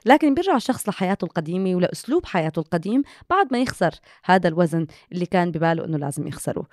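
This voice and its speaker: A woman's voice: fairly low pitch, very animated, rapid-fire, a little mellow, no room sound, clean studio sound. A woman with a Levantine Arabic accent, co-hosting a conversational podcast and mixing in English words. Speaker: co-host.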